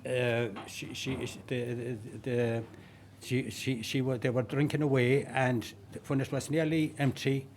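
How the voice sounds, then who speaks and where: A man's voice: mid-range voice, level tone, measured pace, slight background noise. Lilting Connemara Irish storyteller, a man. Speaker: traditional sean-nós singer. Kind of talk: informal oral storytelling before a song.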